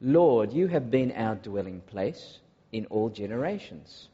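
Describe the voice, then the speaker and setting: A man from Malaysia preaching a sermon to a congregation, earnest and often pausing on filler uhs. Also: on the low side, expressive, mellow, husky. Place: large church hall. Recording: dull recording in a long-echo hall.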